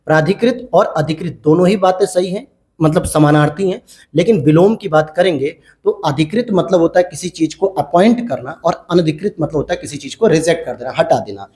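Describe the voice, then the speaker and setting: Male exam-prep teacher, slightly high voice, steady explanatory delivery, quizzes viewers on key answers. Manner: repeats key answers as quick questions to viewers; addresses viewers as friends. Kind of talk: explaining answers to a test series.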